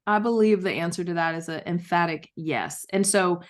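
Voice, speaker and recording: A woman's voice: on the low side, moderate pace. A woman author, a guest on a podcast interview, talking in an enthusiastic, storytelling way. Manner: enthusiastic, storytelling with acted quotes.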